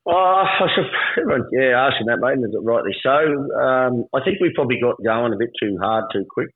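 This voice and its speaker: A man's voice: medium pitch, expressive, moderate pace, slightly rough. A man with a rural Australian accent giving a casual livestock market report on radio in a laconic, colloquial outback drawl. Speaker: livestock agent interviewed as guest. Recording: roomy, phone-like line.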